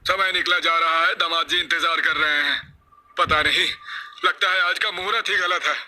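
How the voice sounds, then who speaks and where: A man voicing a gruff middle-aged village father who scolds loudly and impatiently. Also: fairly high pitch, fairly even intonation, moderate pace, voice pushed up, poor audio. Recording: background music under voice.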